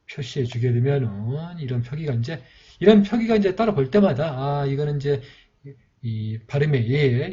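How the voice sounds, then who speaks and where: A man's voice: mid-range voice, dark tone, husky. A man patiently teaching how to write the letters of an old script, repeating himself as he goes. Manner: patient, repeats "이렇게 이제" often. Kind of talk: handwriting lesson. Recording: dull lo-fi recording.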